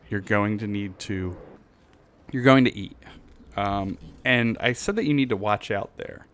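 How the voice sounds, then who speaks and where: A man with a lowish voice hosts a solo podcast on board game design, thinking out loud haltingly and restarting his sentences while fighting the hiccups. There is no room sound.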